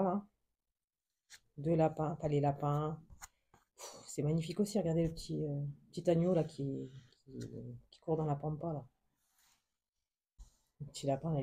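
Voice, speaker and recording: Soft, husky-voiced woman gushing over crafts. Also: deep voice. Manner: soft, hesitant, many fillers, gushing with endless diminutives. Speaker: craft vlogger. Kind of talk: casual show-and-tell of a book haul.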